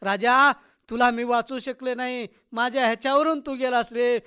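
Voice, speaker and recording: A man putting on a grieving village mother who keens and cries out in lament. The voice sits high and rings loud and smooth as she wails. It comes from a radio story reading. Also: steady tone, moderate pace. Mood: wailing grief.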